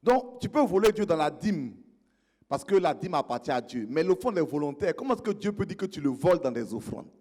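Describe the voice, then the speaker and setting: A man's voice: a little high, very animated, brisk, darkish tone. A male pastor preaching a sermon, explaining scripture in a teaching tone and asking the congregation questions.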